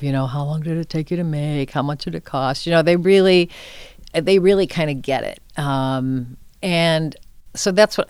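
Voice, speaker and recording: With a low, smooth voice captured in clean, dry studio sound, an older woman guest who runs a film center as executive director muses aloud. Her phrases are short, casual and earnest.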